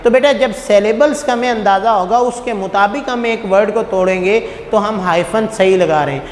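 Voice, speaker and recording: Man as a patient schoolteacher, booming reverb, faint background hiss. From Pakistan. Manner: patient, poses rhetorical questions, calls students "beta". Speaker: teacher. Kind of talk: classroom lecture. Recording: echoey room with long reverb, faint noise.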